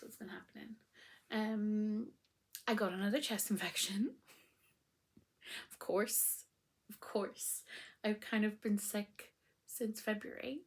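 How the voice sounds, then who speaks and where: On her casual knitting podcast, the host's voice remains croaky after illness and sits a little high. She talks in a chatty, meandering way, often saying um.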